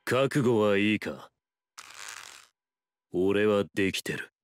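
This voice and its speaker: A man voicing a resolute young male anime fighter, speaking in a grave and deliberate way. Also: fairly low pitch, animated, over music.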